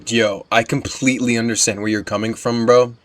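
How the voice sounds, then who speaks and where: Over video game music, a man with a medium-pitched, flat voice talks fairly quickly. He's a gamer playing through a game and reacting in a casual, slangy, candid way.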